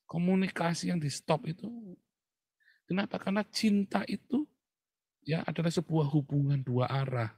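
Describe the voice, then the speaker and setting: A middle-aged man from Tegal with a Tegal Javanese accent, preaching a casual sermon as a pastor, animated, swinging between loud emphasis and hushed asides. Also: fairly high pitch, breathy edge, no echo. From Tegal, Central Java.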